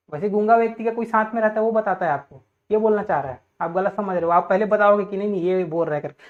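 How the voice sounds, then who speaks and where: A man teaching a class, explaining points step by step, checking in with "okay" after nearly every phrase and putting questions to his students. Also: high-pitched. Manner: repeats "theek hai" constantly, asks students questions. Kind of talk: classroom lecture. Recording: tinny phone-like audio.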